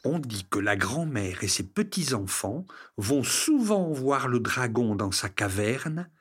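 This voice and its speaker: A storyteller reading a children's fairy tale aloud in an expressive, scripted narration. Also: mid-range voice, slow, breathy edge. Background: music.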